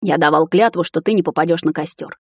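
This is a stern, cold male hunter in an audiobook, his words clipped and short, read by a woman in her own lowish voice. The recording is dry and close, with no room sound behind it. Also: quick pace, husky, no room sound.

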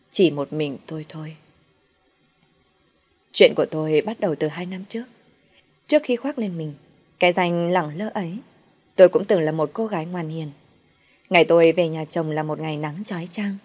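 A woman's voice: lowish voice, a little mellow. A young woman narrating her own story in the first person, somber and emotional.

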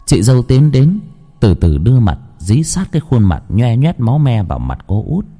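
A man narrating a horror story in a dramatic, slow and suspenseful way. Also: mid-range voice, sing-song, mellow, soft background music.

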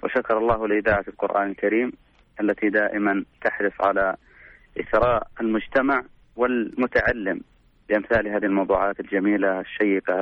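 Dull lo-fi line, fast low-pitched man. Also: no room sound. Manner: formal standard Arabic. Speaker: religious scholar and imam, guest. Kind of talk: formal radio interview. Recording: dull lo-fi remote radio link.

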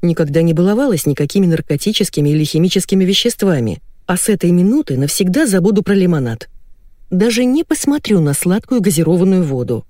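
A woman narrating a first-person novel in an ironic, lively storytelling manner, close to the mic. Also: lowish voice, fast, no echo. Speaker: audiobook narrator.

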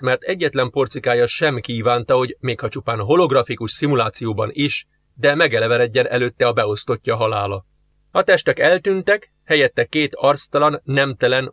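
A man narrating an audiobook in a steady, measured way. His voice sits at a middle pitch. The recording is close and dry with no room sound. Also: dry recording.

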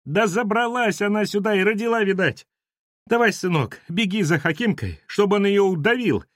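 Guy putting on a screechy old lady building manager, bossy and crude, teary whiny scolding, way up high. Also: lively intonation, normal speed, no room sound, studio quality. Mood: tearful scolding. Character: shrill older woman building manager, bossy and coarse.

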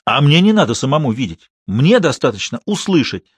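A man reading aloud, voicing a gruff, bullying chief doctor who barks and sneers. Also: medium pitch, big pitch swings, brisk, dry recording. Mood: scornful. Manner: barking, scornful.

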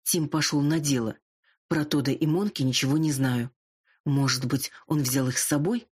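A man's voice: a little high, fairly even intonation, normal speed, husky. A woman reading the part of a nervous aging male singer who is a fox, talking in pleading, reluctant confessions. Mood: confiding.

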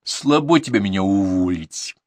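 Man playing a defiant young journalist, cool mocking calm, husky, lively lilt. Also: low voice, moderate pace, no echo, studio quality.

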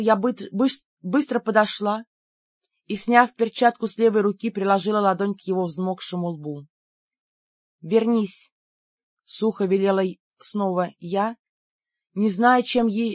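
A woman's voice: mid-range voice, moderate pace, dry recording, lo-fi sound. A woman narrating a first-person fantasy audiobook dramatically, speaking the heroine's cold commands herself. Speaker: audiobook reader.

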